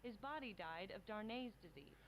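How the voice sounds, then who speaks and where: An actress playing a female quiz announcer who reads trivia clues in a clear, formal way. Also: medium pitch, expressive, normal speed, close to an everyday voice. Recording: game audio with crowd noise behind.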